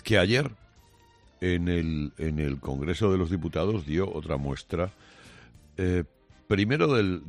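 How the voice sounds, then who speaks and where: A very deep, gravelly male radio host, delivering a combative morning opinion monologue. His delivery swings widely in pitch, sarcastic and biting, full of pauses and restarts. Faint music sits behind him.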